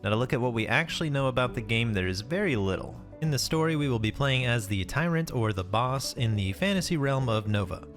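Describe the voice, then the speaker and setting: A man's voice: mid-range voice, expressive, fairly quick, hardly any pauses. A man giving casual scripted commentary as a video host, informal and wry, with some casual swearing. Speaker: YouTube game preview host. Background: music behind the voice.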